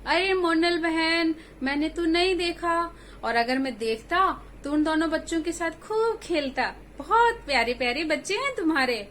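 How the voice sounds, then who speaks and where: A woman's voice: extremely high pitch, expressive, normal speed, fairly bright tone, slight background noise, voice pushed up. A woman doing a kindly grandfather lion. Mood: fond.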